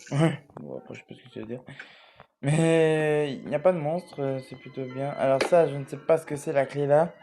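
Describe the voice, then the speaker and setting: Young male let's player, loose chatty commentary with mumbles and curses, clear music under the voice. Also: fairly high pitch, normal speed, dark tone. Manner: mumbles while eating; chatty, swears casually. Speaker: gamer playing a horror game. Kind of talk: casual let's play commentary.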